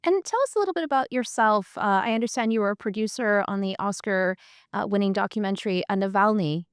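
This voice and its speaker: A woman's voice: medium pitch, fast, clean tone, no echo, studio quality. A woman hosting a podcast, asking conversational interview questions and rephrasing them as she goes. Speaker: podcast host.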